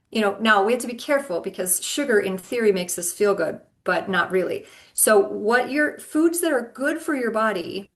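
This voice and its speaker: A woman health coach giving advice as a podcast guest, explaining in an earnest way with frequent ums. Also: medium pitch. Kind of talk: advice in casual interview.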